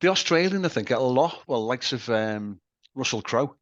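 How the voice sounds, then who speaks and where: A man's voice: mid-range voice, animated, moderate pace. Agreeable man host on a dull line. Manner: agreeable, frequent yeah-yeah backchannels. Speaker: interview host. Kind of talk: casual video interview. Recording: dry, dull lo-fi sound.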